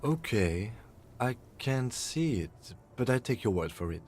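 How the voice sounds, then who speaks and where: A male actor playing a calm, observant police lieutenant in a video game, measured and matter-of-fact. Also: mid-range voice. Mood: calm, analytical. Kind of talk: video game character acting.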